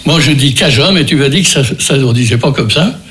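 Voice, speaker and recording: A man's voice: mid-range voice, a little fast, noisy background. An older man hosting a local radio music show, talking in a rambling way with many restarts and fillers, with a Beaujolais accent. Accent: French from Beaujolais. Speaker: radio host.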